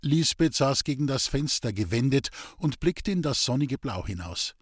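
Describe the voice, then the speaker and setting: A man narrating a classic novel in an expressive, scripted reading style. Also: medium pitch, moderate pace, husky, dry recording, studio quality. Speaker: audiobook narrator.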